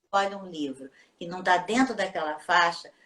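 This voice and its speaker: A woman's voice: lowish voice, normal speed, fairly bright tone, a little hiss or hum. Woman teacher explaining patiently. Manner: patient, explanatory, frequent tag questions. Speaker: teacher and children's book author. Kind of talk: casual interview on a live stream.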